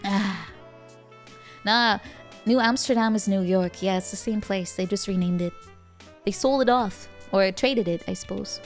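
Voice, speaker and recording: A woman's voice: medium pitch, unhurried. A woman livestreamer chatting casually while gaming, in a playful, cute anime-streamer manner. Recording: music playing behind the voice. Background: music.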